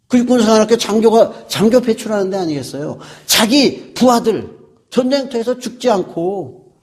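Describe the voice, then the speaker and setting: A man's voice: high voice, a little mellow. A middle-aged man preaching a sermon as pastor. He asks the congregation questions, answers them himself and repeats key words for emphasis.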